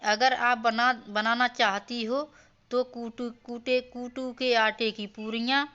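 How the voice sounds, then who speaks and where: A wheedling, demanding young daughter-in-law from a cartoon story, as a woman puts her on. Her voice is fairly high, smooth and bright, and she talks slowly. The recording sounds dull and lo-fi. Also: flat delivery. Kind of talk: storybook voice acting.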